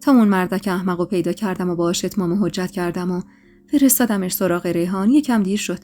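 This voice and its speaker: A woman voicing a calm, loving young husband who talks gently and reassuringly to his wife. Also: on the low side, soft background music, lightly acted. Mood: soothing.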